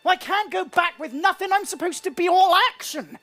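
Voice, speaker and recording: A woman's voice: very high voice, brisk, faint music behind. A woman playing a plaintive, bewildered brother searching for his sister in improvised comedy. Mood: dejected. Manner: earnest, bewildered, ungrammatical.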